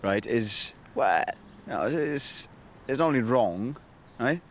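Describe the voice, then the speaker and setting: An actor playing a blunt, exasperated young man with a South Wales Valleys accent, talking haltingly in a mockumentary. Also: medium pitch, lively intonation, background noise. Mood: indignant. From Merthyr, Wales. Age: young adult. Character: blunt, exasperated young Welsh male language student. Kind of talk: mockumentary comedy interview.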